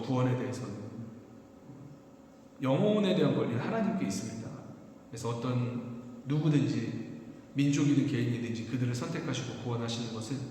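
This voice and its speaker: Male pastor, mid-pitched, conversational sermon delivery with emphatic rises, recorded in a reverberant church hall. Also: darkish tone. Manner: conversational preaching, rising emphasis, slows for scripture. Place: church sanctuary. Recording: echoey hall, faint noise.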